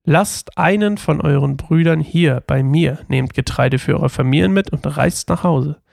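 A man voicing a stern Egyptian ruler who tests his brothers, read aloud slowly and firmly in a gravelly voice. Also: a little high, darkish tone, dry recording, studio quality, exaggerated voice.

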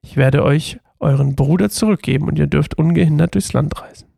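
A man voicing a stern Egyptian ruler who tests his brothers, read aloud slowly and firmly in a gravelly voice. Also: fairly high pitch, warm tone, no echo, clean studio sound, exaggerated voice.

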